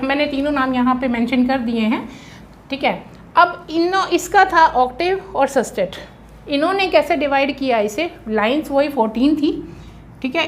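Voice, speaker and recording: A woman's voice: high-pitched, a little hiss or hum. An Indian woman teaching an exam-prep lecture, explaining step by step and checking in often with her students. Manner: explanatory, drills rhyme schemes slowly letter by letter.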